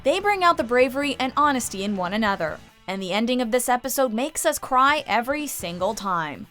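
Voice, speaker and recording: A woman's voice: on the high side, big pitch swings, brisk, music in the background. A woman reading scripted narration as the narrator of a countdown video.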